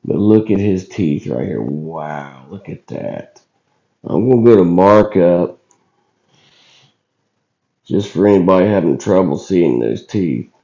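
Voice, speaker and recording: Still hoarse after being sick, a video channel host talks through footage casually, his rough, scratchy voice sitting low with a dark tone. He's expressive yet halting, using folksy, colloquial language, and the lo-fi recording sounds dull.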